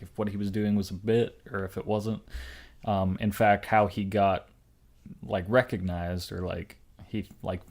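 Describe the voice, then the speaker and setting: Co-hosting a podcast, a young man chats casually in a fairly low, slightly mellow voice. His stories wander, and he keeps circling back with fillers and restarts.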